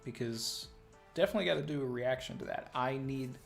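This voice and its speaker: A man's voice: mid-range voice, fairly quick, vocal fry, faint music behind. Upbeat man hosting a casual livestream. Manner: laughing, upbeat, reads chat aloud. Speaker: host.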